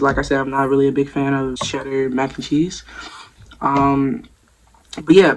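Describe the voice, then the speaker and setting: A man casually reviewing fast food for his vlog, easygoing and repetitive, with frequent ums. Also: fairly high pitch, low-quality recording. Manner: easygoing, repeats himself, lots of ums and "me personally".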